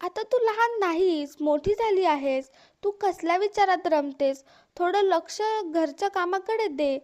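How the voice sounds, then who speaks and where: A firm, lecturing elder brother from a storybook, voiced by a woman. He tells his younger sister off in a steady, stern manner, in her very high voice. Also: a little slow.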